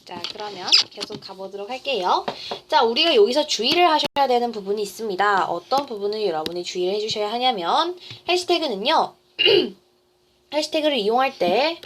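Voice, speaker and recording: A woman's voice: a little high, lively intonation, normal speed, noisy background. A teenage girl tutoring in a casual online lesson, explaining step by step, repeating key phrases and asking the viewer questions. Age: teens. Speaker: student tutor.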